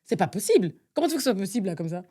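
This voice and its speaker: A young Nigerian woman co-hosts a podcast, chatting casually through a guessing game over background noise. Her medium-pitched voice swings widely in pitch and she talks at a racing pace. She thinks aloud with lots of fillers and gets exasperated.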